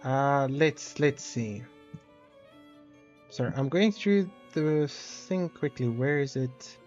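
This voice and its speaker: A man live-streaming a game and chatting along as he plays, his talk rambling, stop-start and playfully dramatic. His voice sits at an ordinary middle pitch. The audio is a little dull and lo-fi, with faint game music underneath. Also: slow pace, darkish tone. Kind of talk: casual live-stream chat while gaming.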